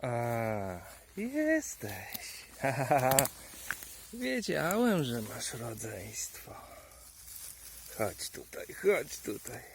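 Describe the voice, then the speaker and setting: Male forager-vlogger outdoors in woods; unhurried gravelly voice, chats fondly to mushrooms, occasional hushed asides. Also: mid-range voice, huge pitch swings, slight background noise. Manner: playful, talks fondly to mushrooms like pets; drops to hushed murmurs now and then. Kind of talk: casual narration while foraging. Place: forest, outdoors.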